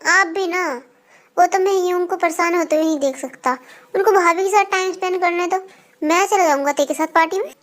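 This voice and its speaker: A woman's voice: very high-pitched, a little fast, a bit bright. A woman voicing a grumpy, jealous young man who mutters to himself in a fan-made dub. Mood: insistent.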